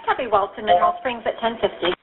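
Woman, police dispatcher, police radio transmission, clipped codes, fairly high voice, static hiss. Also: big pitch swings, fast, creaky. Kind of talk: terse radio dispatch calls. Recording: tinny, noisy police radio.

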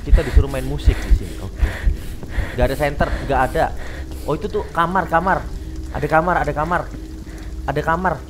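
A man's voice: a little high, a little fast, pauses often, music in the background. A man gives casual let's-play commentary on a horror game, jumpy and full of startled exclamations. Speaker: gamer playing a horror game.

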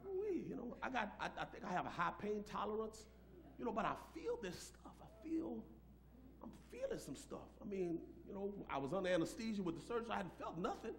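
A middle-aged American pastor delivers an animated sermon full of personal stories from the pulpit of a church sanctuary, his voice high-pitched and his pace a little fast. He's emphatic and folksy, repeating phrases, while the live room picks up the congregation reacting and slight background noise.

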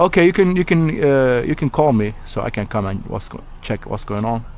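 This Turkish locksmith, speaking with his native accent, is animated and fairly quick, with a mid-range voice and a darkish tone. Working at a customer's vehicle, he chats casually with the customer, repeating himself often, and the nearby vehicles make the recording noisy.

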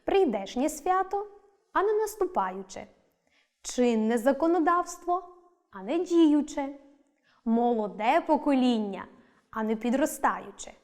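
Teacher, woman, scripted lesson delivery, fairly high pitch, deliberate and clear. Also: lively intonation, a little mellow. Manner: clear, deliberate, stresses each example word.

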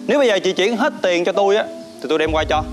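Mouthy young caterer, southern vietnamese accent, loud music bed. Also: male voice, high-pitched, expressive, rapid-fire. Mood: firm. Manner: blunt, mocking. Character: young male party caterer, blunt. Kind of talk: web drama acting.

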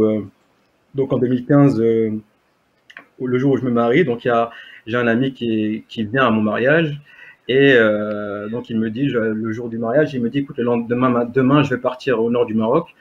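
Over a dull, lo-fi webcam connection from his home, a native Berber speaker in his thirties gives conversational testimony as an interview guest. He stumbles through many fillers and restarts, speaking at normal speed with a medium pitch and fairly even intonation.

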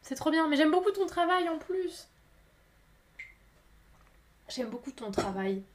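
Excitable high-voiced woman streamer. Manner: chatty, excitable, quick to apologize. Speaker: potter streaming live. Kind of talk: casual live-stream chat.

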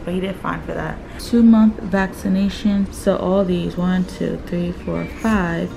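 A woman's voice: lowish voice, steady tone, unhurried, creaky, background noise. Chatty young woman vlogging. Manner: chatty, leans on "like" as filler. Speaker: vlogger and new mother. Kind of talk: casual vlog chat. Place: pediatric clinic exam room.

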